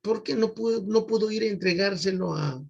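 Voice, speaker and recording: Man playing a curious young student, incredulous questions, gravelly. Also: high-pitched, normal speed, lo-fi sound, voice pushed up, exaggerated voice.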